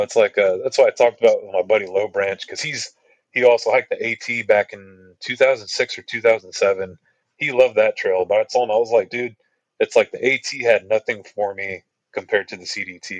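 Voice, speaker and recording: A man's voice: lowish voice, dry recording, dull audio. Laid-back man rambling through trail stories. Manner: rambling, laid-back, many fillers like "you know" and "like". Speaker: podcast guest, long-distance hiker. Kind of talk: casual storytelling chat.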